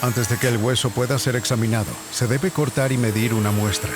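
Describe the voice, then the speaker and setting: A man reading scripted narration in a measured, serious nature-documentary manner. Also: mid-range voice, background noise. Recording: music behind the voice. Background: background music.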